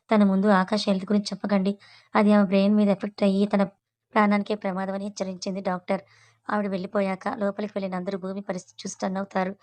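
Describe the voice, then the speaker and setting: A woman reads her serialized story aloud at a brisk clip, in a flat, steady tone with hardly any rise or fall. She reads the characters' dialogue in her own voice, keeping the same even pace throughout. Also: medium pitch. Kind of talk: narrated serial story reading.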